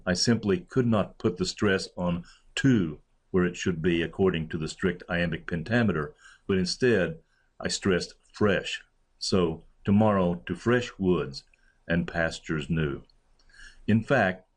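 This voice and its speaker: A literature professor, a man, giving a measured recorded lecture and reading verse examples deliberately. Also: deep voice.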